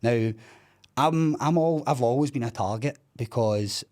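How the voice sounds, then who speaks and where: A Scottish man in his thirties, who calls himself a loudmouth, tells his own story bluntly and candidly in a casual interview, swearing plenty. His voice is mid-range and his pace is measured.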